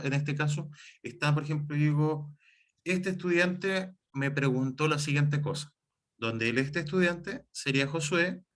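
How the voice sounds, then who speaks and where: A man teaching an online class, explaining with many examples and correcting himself as he goes. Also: fairly high pitch.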